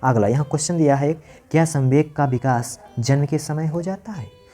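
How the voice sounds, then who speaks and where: Man teaching a lecture, warm mellow voice. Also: on the high side, normal speed, soft background music. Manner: explains point by point, repeats lines, asks and answers his own questions. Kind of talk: exam-prep lecture.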